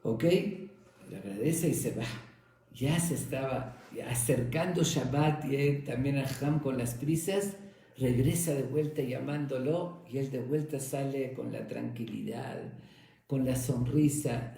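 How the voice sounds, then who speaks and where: A man teaching a religious lesson through a story, in a warm, conversational storytelling manner. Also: medium pitch, a little slow, gravelly, recorded from a distance. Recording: very echoey room.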